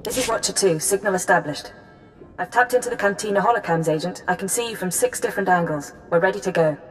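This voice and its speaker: A woman's voice: medium pitch, fast, soft background music, natural voice, low-quality recording. An actress playing an efficient intelligence handler, clipped and businesslike as she briefs. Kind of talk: scripted game dialogue.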